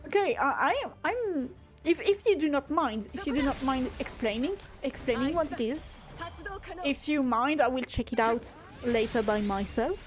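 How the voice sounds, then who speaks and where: A high-pitched woman with a French accent chats casually on a game live stream, her tone rising and falling constantly instead of holding steady. She restarts phrases as she searches for English words and laughs often. Faint game music plays quietly behind her. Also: moderate pace. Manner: pitch swings constantly, never one steady tone.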